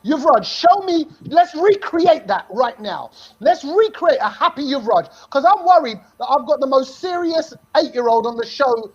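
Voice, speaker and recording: A man with a strikingly high voice hosts a live cricket fan show, bouncing along with playful, teasing energy. The sound is dull and lo-fi. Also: lively intonation, normal speed. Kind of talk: lively live-stream chat.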